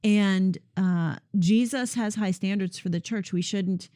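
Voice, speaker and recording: A woman leads a Bible study discussion in a conversational, explanatory way. She pauses to rephrase her points as she goes, at an average pitch. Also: warm tone. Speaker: host leading a Bible discussion.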